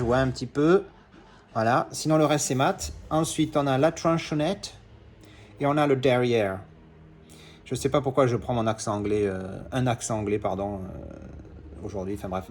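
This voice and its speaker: Casting: chatty guy, mid-pitched, gushing collector, rambling. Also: slight background noise. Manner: chatty, excitable, lots of fillers and self-corrections. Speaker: collector unboxing discs. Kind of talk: casual unboxing vlog.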